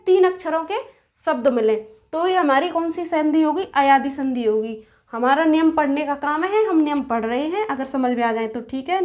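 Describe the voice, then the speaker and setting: High-voiced woman teaching a patient lesson. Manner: patient, repeats and rephrases points. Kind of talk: explaining a grammar lesson.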